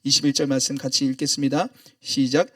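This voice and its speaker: A man's voice: medium pitch, little pitch movement, fast, dry recording, studio quality, far from the mic. A male pastor with a Gyeongsang Korean accent preaching a sermon, telling a story with feeling and acting out its lines. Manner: emotional storytelling with acted-out quotes.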